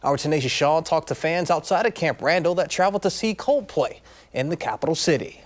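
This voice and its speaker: A man's voice: a little high, animated, a little fast, slight background noise. A man anchoring an evening TV newscast from a studio, upbeat, with casual asides. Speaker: news anchor. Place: TV news studio.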